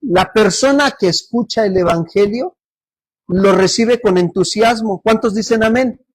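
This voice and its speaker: In a church service, a pastor with a high-pitched voice preaches a little slowly, regularly posing questions for the congregation to answer. No room sound can be heard.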